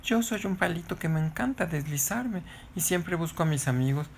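A mom putting on a happy little talking stick dude, storybook voice, rambles on, a bit husky. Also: female voice, on the low side, animated, normal speed, darkish tone, a little hiss or hum, pitched above the performer's own voice. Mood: eager. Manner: chatty, explaining at length. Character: cheerful male talking stick who loves sliding.

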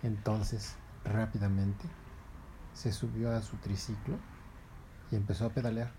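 A man's voice: on the low side, level tone, a little slow, noisy background. A man narrating a children's story in a playful, dramatic way.

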